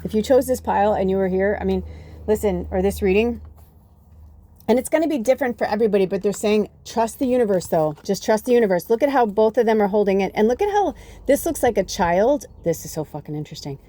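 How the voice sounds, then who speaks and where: A woman's voice: mid-range voice, expressive, fast, dark tone. A woman in her fifties giving a rambling, profane, casual tarot reading with lots of fillers. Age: 50s. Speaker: tarot reader.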